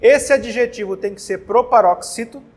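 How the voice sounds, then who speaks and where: A man's voice: sits high, moderate pace. A man with a Brazilian Portuguese accent teaching a grammar lesson for exam prep in a casual way, often restarting words and checking in with the class. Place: classroom with whiteboard.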